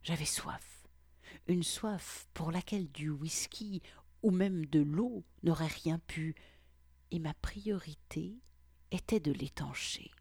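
A woman narrating an erotic story in a slow, hushed voice that keeps slipping into whispers. Her voice sits low and unhurried. The recording is close and completely dry. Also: no room sound.

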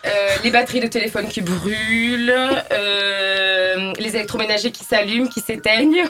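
A woman's voice: mid-range voice, normal speed, background noise. A woman telling a ghost story on a radio show, hesitant, with many fillers. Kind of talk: casual storytelling. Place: radio studio.

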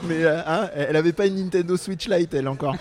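A man's voice: on the high side, animated, fairly quick, crowd noise. A man co-hosting a casual chat podcast, hesitant and searching for words. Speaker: co-host.

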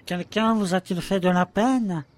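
A man's voice: sits high, unhurried, a little mellow. A man playing an adoring, anxious young lover in an amateur audio drama, talking tenderly and pressing for answers. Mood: pleading. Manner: tender, pleading, insistent. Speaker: voice actor.

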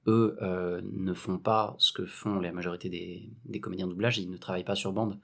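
A man's voice: low-pitched, steady tone, brisk, vocal fry. A man co-hosting a casual talk show, sharing wry, opinionated remarks. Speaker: podcast co-host. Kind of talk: casual chat.

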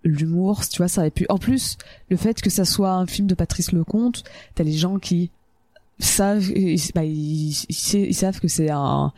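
Podcast panelist chatting about films, mellow voice, dry sound, informal, keeps rewording stuff. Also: mid-range voice, moderate pace, no echo. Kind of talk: casual film discussion.

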